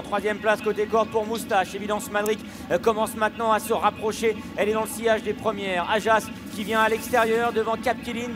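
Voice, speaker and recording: A man calling a live horse race as a commentator, listing runners and their positions in a continuous flow. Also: sits high.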